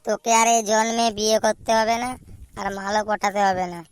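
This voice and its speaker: A woman voicing a teasing, foul-mouthed young man in a cartoon, loud and mocking. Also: mid-range voice, fairly even intonation, brisk, clear, resonant tone, no room sound, close to an everyday voice. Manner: loud mocking banter with swearing. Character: mocking young male friend, crude and teasing. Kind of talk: cartoon voice acting.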